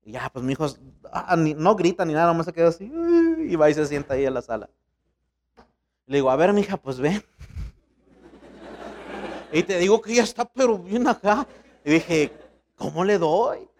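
A man's voice: a little high, sing-song, brisk, a little hiss or hum. A man, a pastor preaching a sermon in a colloquial, storytelling way.

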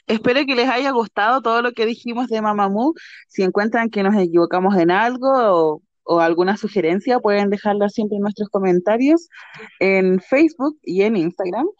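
A Chilean woman co-hosting a podcast in casual chat, calm with dry humor and soft laughs. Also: mid-range voice, normal speed, dry recording, muffled recording. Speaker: podcast co-host.

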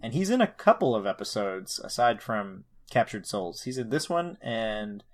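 A man's voice: lowish voice, sing-song, moderate pace. A man co-hosting a podcast, recapping an episode in a casual, irreverent, sweary way. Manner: irreverent, profane. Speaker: podcast co-host.

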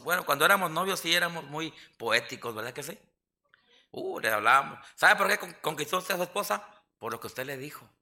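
Mexican man, pastor, church sermon; very bright tone, folksy and joking, calls for amens. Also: a little high. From southern Mexico.

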